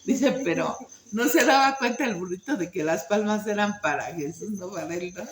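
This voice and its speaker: A woman's voice: medium pitch, animated, moderate pace, reverberant, a crowd in the background, low-quality recording. A woman teaching an informal Bible study, talking conversationally with many fillers and tag questions.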